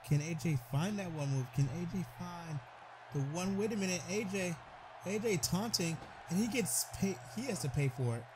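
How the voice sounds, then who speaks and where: A man giving excitable play-by-play commentary over a wrestling video game, stumbling over his words and calling out to the wrestlers. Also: high voice, normal speed, noisy background.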